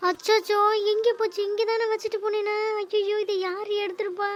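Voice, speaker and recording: Give me a woman playing a pleading cartoon daughter with a very high, flat, quick voice. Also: natural voice. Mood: panicked. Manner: whiny, pleading. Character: fretful young daughter who lost her chain. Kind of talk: comedy cartoon voice acting.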